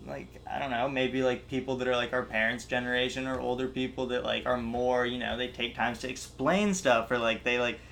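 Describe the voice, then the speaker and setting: A man's voice: mid-range voice, fairly even intonation, fairly quick, gravelly, hardly any pauses, fairly bright tone, a little hiss or hum. A man co-hosting a casual pop-culture podcast, saying "like" constantly and laughing in asides. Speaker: podcast co-host. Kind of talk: casual chat.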